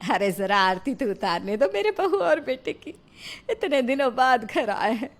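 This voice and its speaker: A woman voicing a loud, complaining middle-aged mother-in-law in a cartoon, scolding and wailing at her daughter-in-law. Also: high voice, sing-song, unhurried, heavily acted. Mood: coaxing. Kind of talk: cartoon voice acting.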